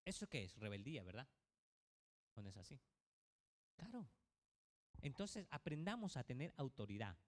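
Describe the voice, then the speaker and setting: A man's voice: medium pitch, big pitch swings, moderate pace, long pauses. A male pastor preaching a sermon to his congregation, asking many rhetorical questions. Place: church. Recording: reverberant church hall.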